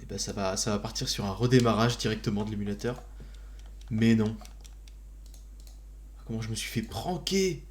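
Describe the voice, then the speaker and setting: A man's voice: lowish voice, normal speed, pauses often. A man doing casual live gaming commentary as a streamer, with a jokey, mock-grand manner and muttered asides. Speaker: video game streamer.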